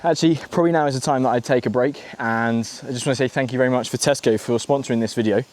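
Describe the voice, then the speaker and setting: A man's voice: mid-range voice, rapid-fire, a little mellow, slight background noise. A British man chatting casually and jokily as he vlogs from an outdoor camp. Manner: jokey, matey. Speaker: camping vlogger. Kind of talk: casual vlog chat while cooking outdoors. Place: outdoors at a campsite.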